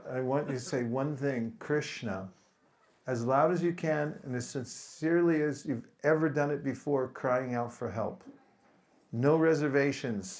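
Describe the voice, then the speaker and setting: A man giving a spiritual talk to a gathering, speaking slowly and deliberately and pausing for his translator. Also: mid-range voice, a little mellow. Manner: slow, deliberate, leads group chanting. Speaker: visiting speaker.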